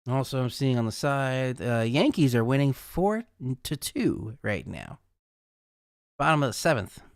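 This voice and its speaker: A man's voice: mid-range voice, expressive, a little slow, smooth, dry recording, studio quality. A man hosting a casual live weather forecast, chatty and rambling, who laughs at his own jokes.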